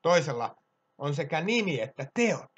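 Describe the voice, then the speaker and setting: A man preaching a sermon with passion, swinging between loud exhortation and quiet asides. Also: a little high, big pitch swings, breathy edge.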